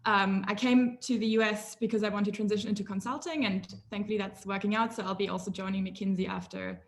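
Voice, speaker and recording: A woman's voice: medium pitch, little pitch movement, fast. Composed woman from Germany. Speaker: MBA student panelist. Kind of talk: self-introduction on a video call.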